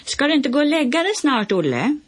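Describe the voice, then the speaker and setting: A woman's voice: medium pitch, expressive, husky. A woman voicing a cocky, bossy young boy who teases his friends. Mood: teasing bossy. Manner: brash, teasing.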